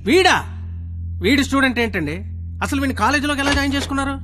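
A contemptuous middle-aged relative, high and cutting, faint score behind. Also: male voice, rapid-fire. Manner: scolding, sarcastic, loud. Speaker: angry uncle berating a college. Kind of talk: film dialogue. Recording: film audio with music behind.

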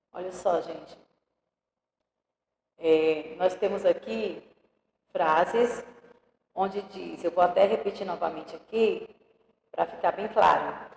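Slow-talking Brazilian teacher, roomy echo. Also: female voice, medium pitch, a little mellow. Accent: Brazilian Portuguese. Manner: slow, patient, stretches out example words; checks in often with "ok?" and "tá?". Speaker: primary school teacher. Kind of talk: online class lesson. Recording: roomy with long reverb.

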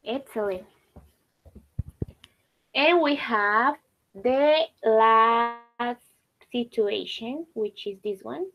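A woman's voice: a little high, extremely slow, pauses often, highs cut off. A woman teacher leading a class, patiently repeating and praising student answers.

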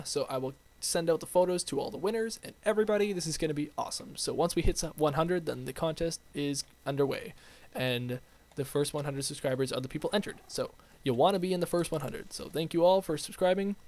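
A young man hosting a game video, chatting in an excitable, rambling way to his viewers. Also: fairly high pitch, quick pace. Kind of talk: playful let's-play commentary.

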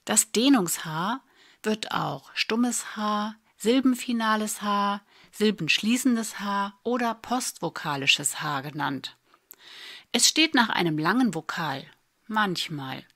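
A woman, teaching a spelling lesson in a patient, clear way with dry little asides. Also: mid-range voice, lively intonation, takes it slowly, a bit bright. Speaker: German spelling tutor. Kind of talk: slow explanatory lesson.

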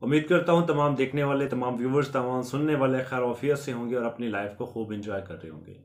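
A man from Pakistan hosting an education channel, earnestly explaining to viewers in a repetitive way and mixing in many English terms. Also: medium pitch. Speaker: YouTube education channel host.

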